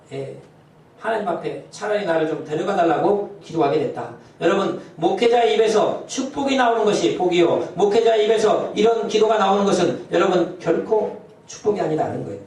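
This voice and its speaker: Male pastor, sermon, high voice, heavy church echo, voice from far off. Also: animated, brisk, a little mellow. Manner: fervent preaching, often inserting a short affirming "yes". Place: church sanctuary. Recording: very echoey church hall, voice from far off.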